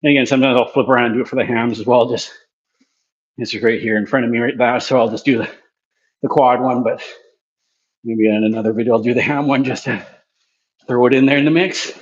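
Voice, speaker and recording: A man's voice: medium pitch, steady tone, fast, pauses often, highs cut off, a little hiss or hum. A man casually talking through his gym workout between sets, winded from exercising. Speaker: physiotherapy clinic presenter demonstrating a workout. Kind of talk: casual workout demonstration vlog.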